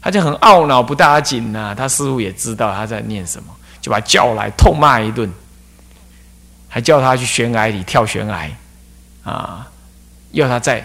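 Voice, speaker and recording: A man giving a Buddhist dharma talk as abbot, telling stories with lively rhetorical questions. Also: medium pitch, normal speed, vocal fry. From Taiwan. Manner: animated storytelling with rhetorical questions.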